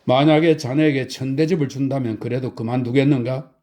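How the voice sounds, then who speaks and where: A man reading a blunt, stern old male sage in a calm audiobook. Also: mid-range voice, fairly quick, lightly acted. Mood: scolding. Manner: blunt, scolding.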